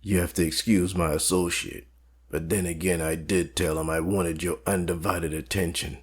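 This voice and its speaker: For a crime audio drama, a man plays a smooth mob fixer in a very deep voice with a rough, husky edge and a steady tone. He speaks formally and deliberately, polite on the surface yet coolly threatening beneath, giving off cool, controlled menace.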